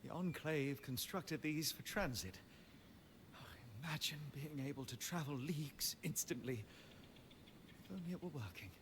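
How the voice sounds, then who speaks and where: A man's voice: on the high side, normal speed, a bit bright, close to an everyday voice. An actor playing an eager, scholarly male mage in a video game, speaking in a dreamy, wistful way that trips over itself when flustered. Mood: musing. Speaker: game character. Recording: game audio with noise behind.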